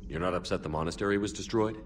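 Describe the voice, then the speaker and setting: Male actor as a heroic soldier commander: deep, fast, matter-of-fact game delivery over light ambience. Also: a little hiss or hum, natural voice. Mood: calm, curious. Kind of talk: video game voice acting.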